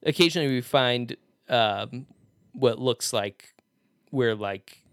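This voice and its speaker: A man's voice: mid-range voice, slow pace, a bit bright, clean tone, no echo, studio quality. A man co-hosting a casual chat, telling a story with lots of laughs and fillers.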